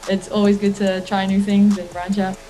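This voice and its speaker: A woman's voice: mid-range voice, flat delivery, moderate pace, mellow, faint music behind. A young woman from New Zealand with a New Zealand accent, a college basketball player answering interview questions in an easygoing, thoughtful way. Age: young adult.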